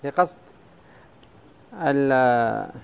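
A man's voice: medium pitch, animated, drawn-out words, vocal fry, a little hiss or hum. A man teaching a class on Arabic prosody, explaining step by step and quizzing his students with questions. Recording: dull lo-fi classroom recording.

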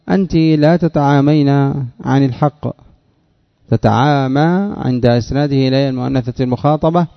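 A man with a gravelly, creaky voice teaches a grammar lesson at a middle pitch. He poses questions and answers them himself, slowing down to repeat key words. The recording sounds dull and lo-fi. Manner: repeats words slowly for emphasis. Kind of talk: Arabic grammar lesson explaining a text.

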